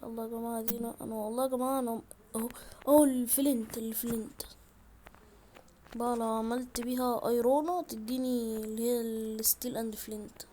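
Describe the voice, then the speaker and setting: A woman with an Egyptian accent chats excitably through her gameplay, speaking quickly in a slightly high voice. She talks straight to her viewers from a room at home, with a faint hiss behind her. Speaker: gaming YouTuber. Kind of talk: gameplay commentary.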